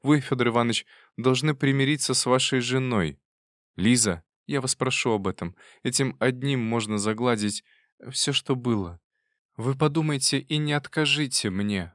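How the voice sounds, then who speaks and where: A man voicing a quiet, dutiful young woman with a soft, earnest, restrained manner. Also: mid-range voice, moderate pace, no room sound, studio quality, voice pushed up, lightly acted.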